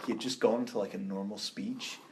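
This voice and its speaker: A man's voice: on the low side, fairly even intonation, fairly quick, very noisy. A man co-hosting a podcast in casual chat, rambling and enthusiastic. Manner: rambling, enthusiastic, trails off into tangents. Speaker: podcast co-host.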